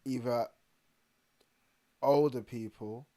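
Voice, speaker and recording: This young man speaks at a mid pitch, in casual podcast banter. He laughs often, then goes quiet and hesitant on serious points. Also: steady tone, slow, over a noisy crowd. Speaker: podcast co-host. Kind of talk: casual chat.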